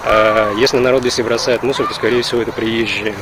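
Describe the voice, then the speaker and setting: Male vlogger, mid-pitched and fairly monotone, halting and reflective, outdoors with heavy wind hitting the mic. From Russia. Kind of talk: casual rambling outdoor vlog. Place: outdoors in a park. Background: wind and outdoor ambience.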